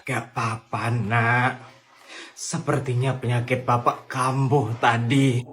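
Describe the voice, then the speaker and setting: A man voicing a gentle, sickly father who talks softly and wearily to his daughter. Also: medium pitch, little pitch movement, slow pace. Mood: weary. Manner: soft, weary and resigned.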